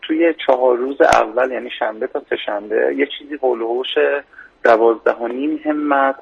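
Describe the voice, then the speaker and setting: A man answering as a financial expert in a formal radio interview, measured and stopping often for hesitation fillers. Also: medium pitch, gravelly, breathy edge, phone-quality sound.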